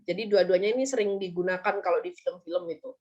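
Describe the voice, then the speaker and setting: A woman's voice: on the low side, quick pace, mellow, muffled recording. A woman with an Indonesian accent teaching English vocabulary in an online class, quizzing her students and acting out example lines.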